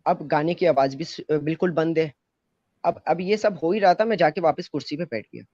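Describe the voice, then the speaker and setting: A man's voice: a little high, brisk, a little mellow, no echo. A man casually telling a story about his own experience, with many fillers and restarts. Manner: loose rambling retelling with many fillers. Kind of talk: casual first-person storytelling. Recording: dull, muffled, dry close mic.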